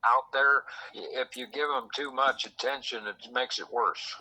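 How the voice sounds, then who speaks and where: A man's voice: mid-range voice, steady tone, moderate pace, sharp tone, slight background noise, low-quality recording. A man telling a rambling story in casual chat, quoting people in dialogue, recorded in a secretly taped conversation. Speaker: host.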